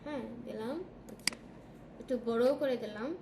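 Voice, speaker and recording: Female tutor with a Bangladeshi Bengali accent, high pitch, quizzes the class as she goes; roomy recording with audible noise. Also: moderate pace. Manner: checks in often with questions to students. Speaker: design tutor. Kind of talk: classroom software lesson. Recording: echoey room with background noise.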